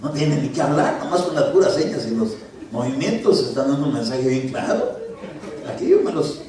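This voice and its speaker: A male pastor preaching a conversational sermon in a church, swinging from loud commands to soft asides. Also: medium pitch, big pitch swings, moderate pace, a crowd in the background. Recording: very echoey church hall from a distance.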